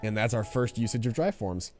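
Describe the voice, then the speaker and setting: Guy streaming a game and chatting about it, lowish voice, reads the screen out loud, faint game music behind. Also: animated, a little fast. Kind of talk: casual gameplay commentary.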